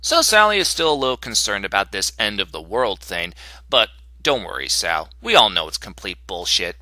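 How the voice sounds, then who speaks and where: Male comic reviewer, sharp bright tone, dry close voice-over, sarcastic and exasperated delivery. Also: lowish voice, very animated, moderate pace, no room sound. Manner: snarky, exasperated, mocking.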